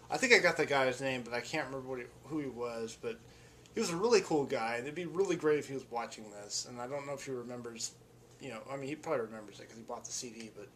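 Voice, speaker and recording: A man's voice: medium pitch, a bit bright, a little hiss or hum. A man in a mid-range voice tells a casual story with rambling enthusiasm and frequent restarts. He sounds like a vlogger talking straight to the camera. A faint wash of ambience sits behind him. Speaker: vlogger and musician.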